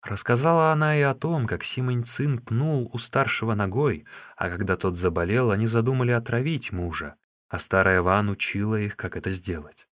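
A man narrating an audiobook in a measured, expressive reading. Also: lowish voice, no echo, clean studio sound.

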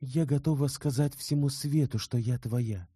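A man's voice: medium pitch, normal speed, dark tone, husky, no room sound, studio quality, voice pushed up, lightly acted. A man voicing an earnest young woman in love, read tenderly and heartfelt in an audiobook. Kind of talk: audiobook character voice.

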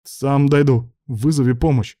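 A man voicing a proud male surgeon in pain, barking hoarse, strained orders. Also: medium pitch, fairly even intonation, unhurried, mellow, dry recording, studio quality, pitched above the performer's own voice, lightly acted. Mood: hissing.

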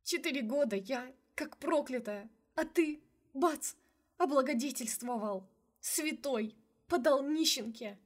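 A woman's voice: fairly high pitch, measured pace, slightly rough, voice pushed up. Woman reading a tearful, bitter young heroine. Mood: sobbing. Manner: sarcastic, then breaking into sobs. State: crying. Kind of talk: audiobook character voice.

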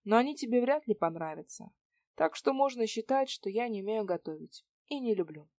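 Woman reads young idealist heroine, calm and firm, dry close read. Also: a little high, fairly quick, no echo. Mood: quiet, sincere.

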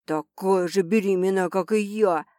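A woman voicing a coarse, angry male producer who talks rough and scornful, in a spoken audiobook. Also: mid-range voice, moderate pace, dry recording, clean studio sound, pitched below the performer's own voice, close to an everyday voice. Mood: gruff.

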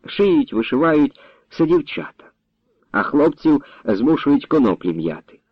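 A man narrating a story in an expressive, animated reading style. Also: medium pitch, no echo. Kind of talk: audiobook narration. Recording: dull lo-fi dry audio.

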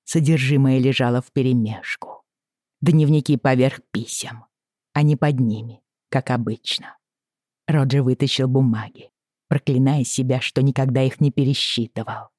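A woman narrating a novel aloud in an expressive, dramatic reading. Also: extremely low pitch, moderate pace, dry recording, clean studio sound. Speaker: audiobook narrator. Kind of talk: scripted narration.

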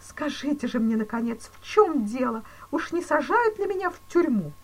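A woman voicing a terrified male banker who pleads in shrill, panicky exclamations in a storybook reading. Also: sing-song, moderate pace, exaggerated voice, low-quality recording. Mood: panicked.

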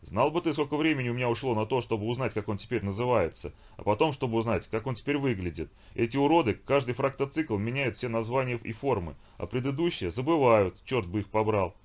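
A man doing a loud, cursing viking brawler. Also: mid-range voice, animated, fast talker, hardly any pauses, lightly acted. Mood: gruff, exasperated. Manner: loud, cursing, exasperated shouting. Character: huge bearded male viking brawler, hot-tempered.

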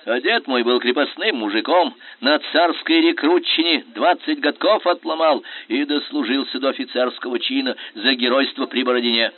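A man's voice: medium pitch, moderate pace, few pauses, close to an everyday voice. A man voicing an imperious, scornful Russian general who talks in biting, sarcastic commands. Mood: rousing. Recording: tinny phone-like sound.

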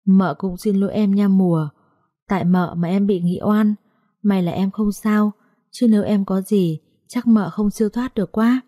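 A woman's voice: mid-range voice, fairly even intonation, normal speed, mellow, no room sound, studio quality, lightly acted. A woman voicing the ghost of a young mother who speaks through a medium in choked, sobbing pleas. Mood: grieving, tearful.

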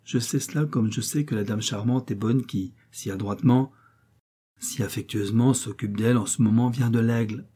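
Reading as a detective's agent, a man with a medium-pitched, slightly rough voice sounds calm and assured, explaining matters in a measured, reassuring way with light acting.

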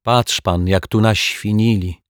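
A man's voice: on the low side, fairly even intonation, slow pace, no room sound, clean studio sound. A man voicing a fussy, grumbling older neighbour woman. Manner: complaining.

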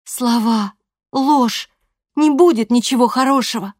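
A woman voicing a furious, defiant teenage girl who shouts bitter accusations. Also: medium pitch, flat delivery, moderate pace, no echo, clean studio sound, voice pushed up, close to an everyday voice.

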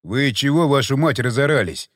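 A man voicing a hoarse, gruff, irritated armed man. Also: mid-range voice, animated, normal speed, no echo, studio quality, natural voice.

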